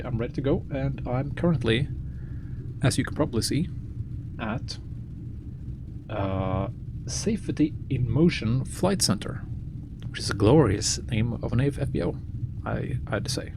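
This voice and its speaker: Man thinking aloud over loud cockpit noise. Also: medium pitch, expressive. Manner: halting, thinking aloud while working through checks. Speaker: flight simulator pilot and host. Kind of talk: casual cockpit commentary. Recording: loud engine-like noise behind voice. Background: loud vehicle ambience.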